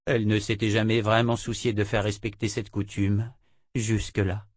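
A man narrating a fantasy novel in a steady, measured storytelling voice. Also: lowish voice, no room sound. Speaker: audiobook narrator. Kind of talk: scripted narration. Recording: dry close mic.

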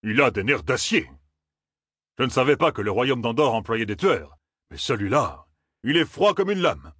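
A man's voice: medium pitch, sing-song, moderate pace, a bit bright, slightly rough, no room sound, studio quality, voice pushed up. A man doing a blustering riverboat captain. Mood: astonished. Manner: exclaiming, blustering. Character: loud flustered male riverboat captain.

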